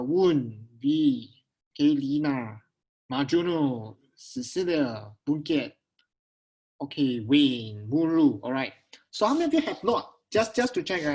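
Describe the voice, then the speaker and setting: A man's voice: a little high, a little mellow, rough recording. A man with a Singaporean accent hosting a casual live online webinar in Singlish, repeating phrases and often checking in with his listeners. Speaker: investment webinar host. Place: at home on a video call.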